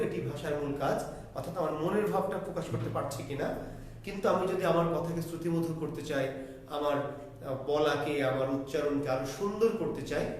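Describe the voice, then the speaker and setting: A man's voice: on the high side, a little mellow. A man teaching a grammar lesson who asks questions and answers them himself, checking in with the class often. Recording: very echoey room, distant mic, faint hiss.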